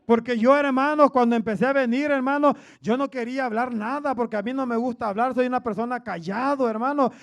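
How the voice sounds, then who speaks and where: A man preaches a sermon in a loud, booming, gravelly voice, running slightly fast with hardly any pauses. He calls his listeners "hermano" after nearly every phrase.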